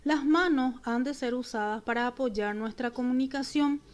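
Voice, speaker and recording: High-voiced woman teacher explaining a lesson. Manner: clear, deliberate explanations with examples. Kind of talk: recorded remote class lesson.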